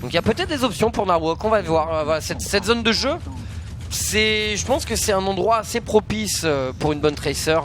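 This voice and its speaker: A man's voice: high-pitched, lively intonation, brisk, fairly bright tone, slight background noise. A man giving live, conversational analysis as co-commentator on a video game match. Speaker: esports co-commentator.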